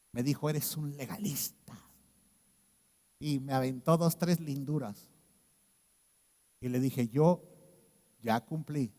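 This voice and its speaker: A man preaching a sermon as pastor, telling a story and swinging from hushed to loud, emphatic moments. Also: medium pitch, big-room sound. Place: church.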